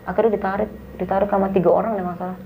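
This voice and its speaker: A young woman, telling a story as a guest in a casual, animated way and acting out the dialogue. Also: medium pitch, very fast, a little hiss or hum, poor audio.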